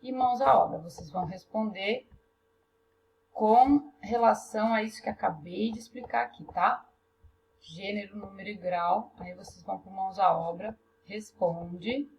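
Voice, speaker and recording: A woman's voice: medium pitch, normal speed, creaky, a little mellow, muffled recording, slight background noise. A woman with a Brazilian Portuguese accent, teaching a class through a workbook, step by step and often checking in with her students. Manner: patient, explains step by step, checks in with "tá?".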